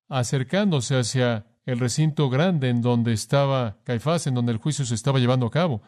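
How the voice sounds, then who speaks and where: A man's voice: medium pitch, a little mellow, smooth. A man preaching a sermon with emphasis, addressing the listener formally and asking rhetorical questions.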